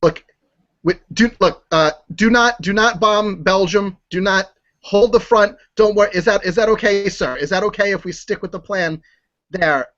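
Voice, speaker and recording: A man plays a flustered, earnest military aide in a fairly high voice. He insists haltingly, repeating himself, in an improv comedy scene with slightly muffled sound. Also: fairly bright tone. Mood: urgent, insistent.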